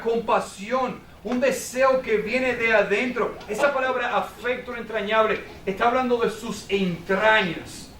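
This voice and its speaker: A man's voice: high voice, roomy sound. Male pastor mid-sermon, captured from a distance with faint background noise, questioning and earnest. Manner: preaching with rhetorical questions, ending quietly and intensely. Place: church sanctuary.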